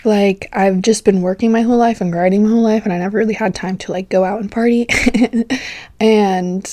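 A woman's voice: medium pitch, fairly even intonation, brisk, warm tone, no echo. A young woman host telling a story in a casual, chatty way, saying "like" constantly, swearing freely and laughing often. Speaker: podcast host.

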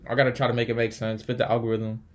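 A man talks through his own podcast alone in a loose, casual way. He thinks out loud, counts off tallies and drops blunt trash talk. His voice sits at an ordinary middle pitch. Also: flat delivery, racing. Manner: blunt, trash-talking, thinks aloud while tallying records. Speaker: podcast host. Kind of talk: casual solo sports podcast.

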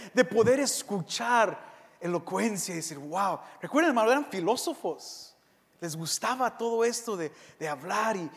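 A man preaching a sermon in an animated way, acting out the voices of the people he quotes. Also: very high voice. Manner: animated, acts out quoted voices, mixes in English slang. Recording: reverberant hall.

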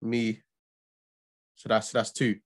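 A man in a casual group discussion, putting quick questions to his friends like he is running a vote. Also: lowish voice, level tone.

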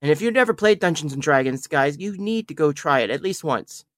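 Casual podcast host from around altoona pa, rambly and animated, trips on words, super dry close sound. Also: mid-range voice, fairly quick, no room sound. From Altoona, Pennsylvania area. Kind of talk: casual review chat.

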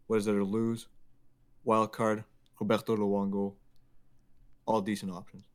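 A man's voice: on the low side, level tone, measured pace, clean tone. A young man from Quebec co-hosting a sports podcast, opinionated and emphatic, with joking rants. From Quebec, Canada. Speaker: podcast co-host. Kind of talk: casual sports podcast chat.

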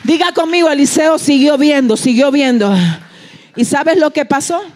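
A woman preacher, giving a fervent sermon that swings from soft asides to shouted peaks and acts out quoted dialogue. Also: sits high, normal speed, some chatter behind. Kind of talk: Pentecostal-style sermon.

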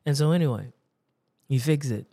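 A male preacher telling a personal story in a conversational sermon, repeating himself for emphasis. His voice sits at an ordinary middle pitch. The recording is dry with almost no room sound. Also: moderate pace, dark tone, slightly rough, dry recording.

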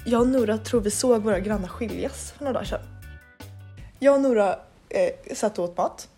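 A woman's voice: medium pitch, mellow, faint music behind. A woman from Sweden living in Paris, co-hosting a podcast and telling stories in casual chat, with lots of fillers and restarts. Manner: rambling storyteller, many fillers and restarts. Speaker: podcast co-host.

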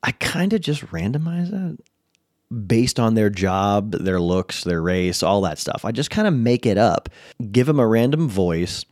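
A man's voice: lowish voice, sing-song, measured pace, darkish tone, no echo, clean studio sound. A man with an American accent hosting a podcast, giving casual advice to game masters, laid-back with frequent chuckles and restarts.

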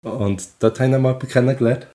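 A man, a podcast guest who tells stories in a relaxed way and laughs easily. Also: mid-range voice, quick pace. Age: 20s.

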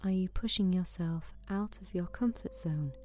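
A woman guiding a sleep meditation in a soft, soothing voice that often drops to a whisper. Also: fairly low pitch, normal speed, faint music behind. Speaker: meditation guide.

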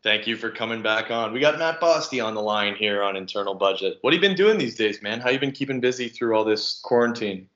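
A man's voice: lowish voice, animated, a little fast, few pauses, fairly bright tone, echoey room. Tinny Canadian man on a Skype call. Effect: tinny sound from a Skype call. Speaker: podcast host. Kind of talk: casual podcast chat. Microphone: computer call microphone.

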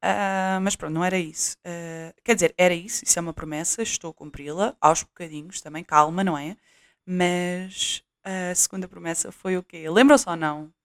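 A young woman with a European Portuguese accent chats casually in a home vlog while trying out a new cheap USB mic whose placement keeps shifting. Her voice is fairly low with fairly even intonation and a moderate pace, and there's no echo. She's scattered, with frequent fillers and restarts.

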